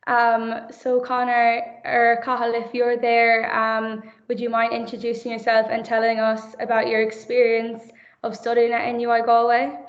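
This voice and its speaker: Flat-toned Irish woman hosting. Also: fairly high pitch, normal speed, muffled recording. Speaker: event host. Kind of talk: hosting an online open day.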